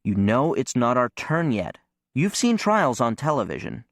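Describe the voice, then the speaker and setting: A man's voice: mid-range voice, big pitch swings, unhurried, no room sound, studio quality. A man voicing an exasperated young defense lawyer who lectures sternly.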